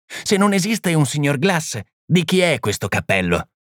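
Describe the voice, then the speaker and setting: A man's voice: on the high side, sing-song, moderate pace, a bit bright, dry recording, studio quality, pitched above the performer's own voice. Man reading as a scornful, impatient criminologist. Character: proud, impatient middle-aged male criminologist. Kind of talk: audiobook reading.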